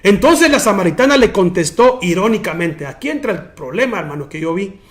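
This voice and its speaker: A man, a pastor teaching a sermon in an animated way. He keeps addressing listeners as brother. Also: high voice, brisk.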